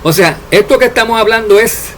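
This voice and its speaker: A man preaching a sermon, addressing his listeners directly and letting his voice drop low and soft at the ends of phrases. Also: brisk, a little hiss or hum. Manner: addresses listeners as dear servants, drops voice at endings.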